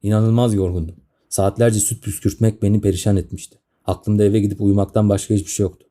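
Fast-talking, sardonic male storyteller. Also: lowish voice, level tone, dark tone. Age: 30s. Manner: grumbling, sardonic. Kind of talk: comic story narration.

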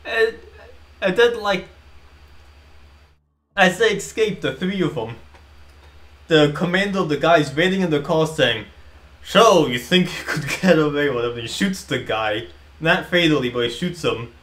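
Guy streaming a game, kinda high voice, rambling casual chatter. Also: normal speed, pauses often. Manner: rambling, animated retelling with laughs. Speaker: gaming streamer. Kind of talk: casual commentary while playing.

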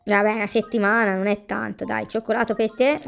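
Gravelly-voiced woman playing a game. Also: mid-range voice, level tone, fairly quick. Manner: chatty, talks to game characters and viewers. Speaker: gameplay commentator. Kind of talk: casual gameplay commentary. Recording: faint background music.

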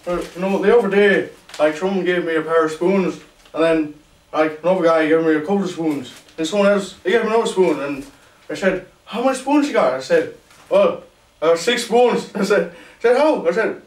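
A man's voice: high-pitched, close to an everyday voice. A young man playing a bumbling, cheesy game show host in a parody, rambling and showy. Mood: rambling, jokey. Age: young adult. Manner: showy, rambling, catchphrase-heavy. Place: small indoor room with makeshift set. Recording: echoey room, distant mic, music behind.

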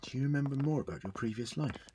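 A man's voice: mid-range voice, quick pace, dark tone, slight background noise, close to an everyday voice. A man acting an earnest, inquisitive and apologetic time traveller in a fan-made audio drama, with a wordy, theatrical delivery. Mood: probing, gentle.

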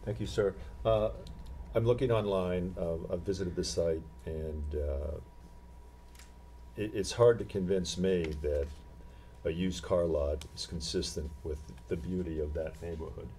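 A man on a zoning board, speaking in a measured, polite way at a public meeting. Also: deep voice, mellow, a little hiss or hum. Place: town meeting room.

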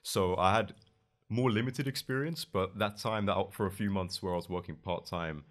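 A man's voice: sits low, normal speed. A young man from London with a London accent, a guest in a podcast interview, talking loosely with many restarts and fillers. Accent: London English. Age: young adult. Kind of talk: casual interview. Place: podcast studio with couch. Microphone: boom mic on arm.

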